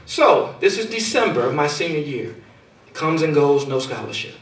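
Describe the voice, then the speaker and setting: A man gives a motivational talk in a large hall, his fairly high voice swelling and dropping as he tells his story. The sound is roomy, with the mic some way off. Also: big pitch swings, normal speed, a little hiss or hum. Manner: storytelling with dramatic swings in loudness. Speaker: speaker. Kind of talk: motivational speech. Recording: echoey hall, far from mic.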